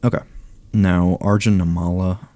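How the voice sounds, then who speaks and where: Young male gamer, deep and hoarse, slow relaxed delivery, thinking aloud. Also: no echo. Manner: low-key, thinking aloud, reading stats. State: losing his voice, hoarse. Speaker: gaming YouTuber ranking cards. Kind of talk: casual commentary.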